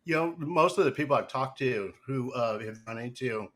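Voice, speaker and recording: Bright-voiced male podcast host, rambling. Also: mid-range voice, moderate pace. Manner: rambling, many fillers and restarts. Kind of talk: casual live podcast interview.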